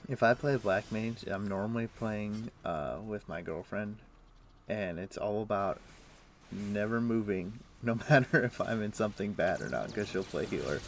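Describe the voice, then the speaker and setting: A young man streams a game from home, chatting casually in a lowish voice at a moderate pace, with many fillers and restarts. Music plays behind his voice throughout this gameplay chat.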